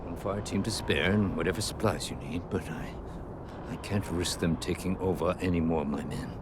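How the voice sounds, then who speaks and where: A man's voice: deep voice, moderate pace, lightly acted. An actor playing a beleaguered male security commander in a game, terse, strained and commanding. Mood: strained, resolute. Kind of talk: game dialogue. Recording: noisy outdoor battle ambience.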